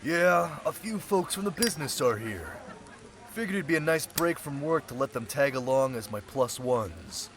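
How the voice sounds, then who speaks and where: In an audio roleplay drama, a man with an expressive mid-range voice plays a sly thief, centuries old, who is now a security specialist. His moderately paced, lightly acted delivery is casual, teasing and friendly. Loud crowd chatter sits behind his voice.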